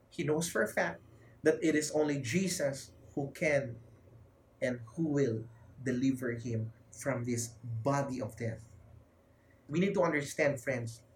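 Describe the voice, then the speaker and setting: A preacher with a Filipino accent giving an emphatic sermon, repeating key phrases and swinging between loud, fervent lines and quiet ones. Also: mid-range voice.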